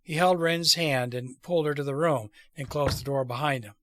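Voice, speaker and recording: A man's voice: a little high, normal speed, no echo. A man hosting and reading stories aloud in a lilting, theatrical storyteller's delivery. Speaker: storyteller and host.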